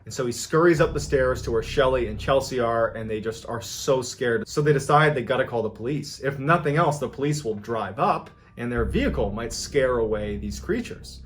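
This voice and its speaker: A man's voice: mid-range voice, moderate pace, few pauses, soft background music. A man retelling a frightening night story, building suspense and raising his voice for the tense moments. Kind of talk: retelling a scary encounter.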